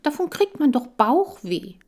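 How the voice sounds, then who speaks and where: A woman's voice: high-pitched, sing-song, measured pace, darkish tone, voice pushed up. A woman voicing a chubby, good-natured male hamster who talks in a cheerful, soothing way. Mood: jolly.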